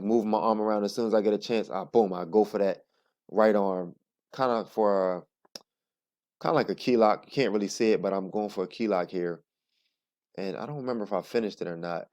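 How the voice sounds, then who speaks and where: A man narrating sparring footage in a casual, halting play-by-play, thinking aloud as he explains each move. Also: fairly low pitch, a little mellow. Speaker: jiu-jitsu practitioner narrating own sparring footage.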